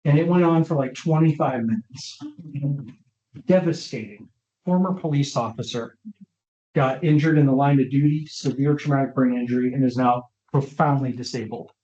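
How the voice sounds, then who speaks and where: A man's voice: mid-range voice, normal speed, warm tone. Man lecturing casually in a roomy space. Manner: informal, often checks understanding with the audience. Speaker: neuropsychologist presenting a talk. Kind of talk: conversational lecture with audience questions. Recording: roomy, dull lo-fi online session audio.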